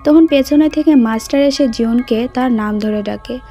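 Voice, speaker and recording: A woman's voice: fairly high pitch, moderate pace, mellow, faint music behind. A woman retelling a film as a story, reading every character's lines in her own voice. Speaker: movie recap narrator. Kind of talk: storytelling narration with voiced dialogue.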